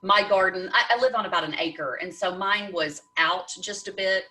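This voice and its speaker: Lively woman host, echoey distant sound. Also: mid-range voice, moderate pace. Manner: animated storytelling with frequent laughs. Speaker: podcast host. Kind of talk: casual conversational interview.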